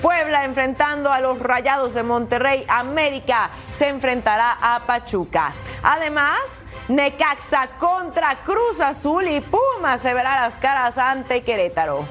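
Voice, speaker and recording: Woman, high-pitched, chatty sports co-host, football commentary, light music behind. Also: animated, a little slow, a bit bright. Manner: chatty, colloquial. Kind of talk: football highlights commentary and show presenting.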